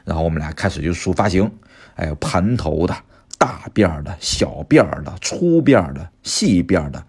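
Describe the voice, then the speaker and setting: Deep raspy guy, drawing teacher chatting to parents, lively storytelling with lots of interjections. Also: normal speed. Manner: animated storytelling with frequent interjections. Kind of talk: casual advice talk to parents with anecdotes.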